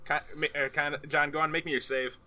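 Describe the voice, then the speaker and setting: A man narrating a tabletop game as game master, improvising in a halting but animated way. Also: a little high. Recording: some room noise behind the voice.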